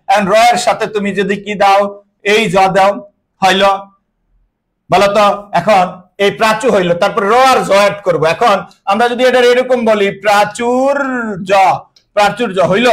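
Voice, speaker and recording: High-voiced male teacher. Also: rough recording. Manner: lively, asks students questions and answers them himself; mixes English words into his speech. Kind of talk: online class lesson.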